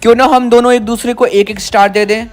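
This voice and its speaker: A man's voice: very high voice, fairly even intonation, quick pace. A man voicing a smug, scheming cartoon schoolboy. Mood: sly.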